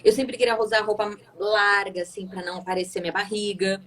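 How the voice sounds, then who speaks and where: A woman, a guest telling her personal story in an emotional, animated way. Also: mid-range voice, brisk. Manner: emotional, animated retelling with many restarts.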